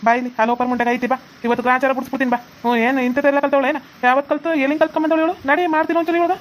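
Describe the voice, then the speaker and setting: A woman's voice: high-pitched, level tone, rapid-fire, a little hiss or hum, natural voice. A woman voicing a bossy young husband and brother who scolds his wife, with a North Karnataka Kannada accent. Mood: scolding.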